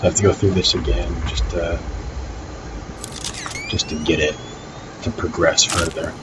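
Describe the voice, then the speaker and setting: A low-pitched man talks in a flat, slightly slow way while presenting a game walkthrough, thinking aloud in an offhand, hesitant manner. The recording is very noisy, with loud music and game sounds behind his voice.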